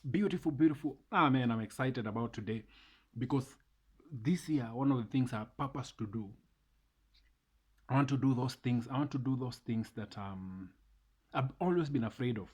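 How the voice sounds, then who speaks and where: A man, talking casually and warmly to viewers in a motivational vlog, repeating phrases for emphasis. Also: mid-range voice, normal speed, husky. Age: 30s. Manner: repeats phrases, mixes in Swahili. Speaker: vlogger.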